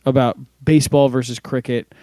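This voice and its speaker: A man co-hosting a casual sports podcast, telling stories in a lively way and laughing as he goes, close to the mic. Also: medium pitch, a little fast, dry recording. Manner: animated storyteller, laughs while telling. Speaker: podcast co-host.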